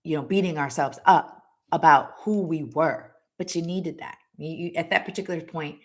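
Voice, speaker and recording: A woman with a deep voice hosts a motivational talk, speaking at normal speed in a preachy, emphatic style directly to her listeners. She repeats words and tags lines with "right?".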